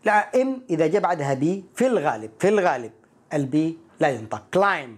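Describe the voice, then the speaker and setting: A woman teaching English pronunciation, repeating each word slowly and clearly so learners can copy it. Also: low voice, animated. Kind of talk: pronunciation lesson with repetition drills.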